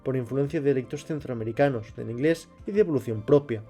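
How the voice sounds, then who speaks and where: A man, reading a scripted explanation at a measured pace. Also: mid-range voice, warm tone, soft background music. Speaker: channel host. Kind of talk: scripted narration.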